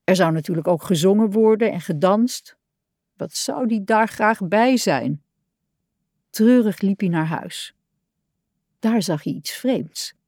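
Woman reading a kids' story, slow and lively, dry close sound. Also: mid-range voice, no echo. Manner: gentle, expressive storytelling. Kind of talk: reading a children's picture book aloud.

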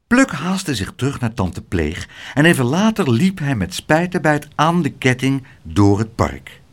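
A man reading a children's story aloud in an expressive, sing-song way. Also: medium pitch, measured pace. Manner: lively, sing-song narration. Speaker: audiobook reader.

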